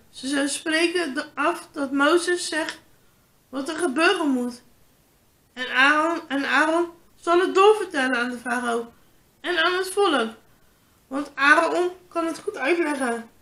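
A woman reads a children's Bible story aloud at a slow, careful pace. Her voice sits high and sounds bright. She stumbles over words now and then and starts the phrase again. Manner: slow reading with stumbles and restarts. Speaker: vlogger reading a Bible story.

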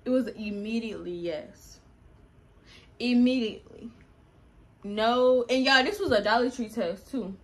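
A woman's voice: on the high side, a little slow, pauses often. A young woman, casually telling a personal story to her viewers at home and calling them y'all. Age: young adult. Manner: chatty, addresses viewers as y'all. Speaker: vlogger.

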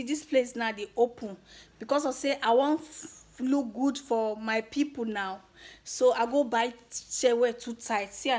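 A young Nigerian-accented woman with a fairly high voice thanks her subscribers in a relaxed vlog. She's a YouTuber, excited and emotional, drifting back and forth between Pidgin and English.

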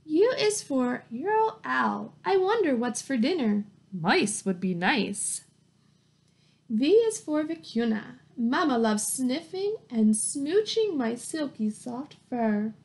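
Gravelly and high-pitched, with big pitch swings and a slow pace, a woman in her thirties reads a picture book aloud to young children like a teacher. Her delivery is encouraging and sing-song, with simple questions and praise along the way. She's in a small, plain room at home, captured by a webcam or laptop mic at arm's length.

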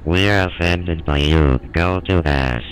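A man voicing a sulky, touchy male moon in an animated space story. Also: deep voice, takes it slowly, a little hiss or hum. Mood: resentful. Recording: loud music behind.

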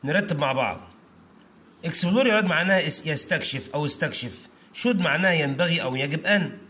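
High-voiced Egyptian teacher drilling children. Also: male voice, expressive, sharp tone, a little hiss or hum. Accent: Egyptian Arabic. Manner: repeats phrases slowly word by word, drawn out; often calls out to the children. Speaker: English teacher. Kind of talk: classroom lesson for children.

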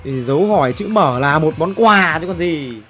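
Excitable male streamer. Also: on the high side, moderate pace, faint music behind. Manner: excitable, exclamatory, jumps between shouting and muttering. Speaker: game streamer. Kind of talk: live-stream commentary while opening player packs.

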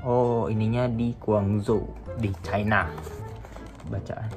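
A man's voice: lowish voice, fairly even intonation, slow pace, over music. A young man casually chatting to viewers while unboxing a phone holder in a small room beside a motorbike. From Indonesia. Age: young adult. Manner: chatty, addresses viewers as guys. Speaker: motovlogger reviewing a phone holder. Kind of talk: casual Jakarta-slang unboxing chat.

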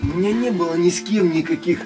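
An insistent man in his fifties tells stories in a relaxed, conversational way and keeps his listeners engaged. He was recorded by a camera across a small indoor pavilion, with guitar music clearly audible behind him. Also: sits high, fast talker, rough recording. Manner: earnest, insistent, keeps asking "понимаешь". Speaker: battalion veteran. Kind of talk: casual storytelling.

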